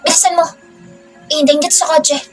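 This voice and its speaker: An irritable rich young husband, curt and brusque, as read by a woman in a storybook reading. The voice sits higher than her usual narration. Faint music plays underneath. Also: fairly even intonation, a little fast, lightly acted. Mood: impatient. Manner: curt, then teasing.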